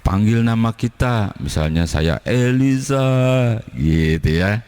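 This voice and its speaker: A man preaching a sermon at a church service in a relaxed, conversational way. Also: on the low side, slow, clean tone. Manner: relaxed conversational preaching, acting out quoted dialogue. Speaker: pastor.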